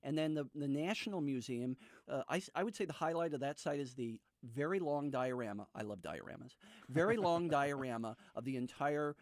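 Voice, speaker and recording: Emphatic American man, medium pitch, storytelling. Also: expressive, fairly quick, no room sound, studio quality. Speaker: author, interview guest. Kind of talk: explanatory radio interview conversation.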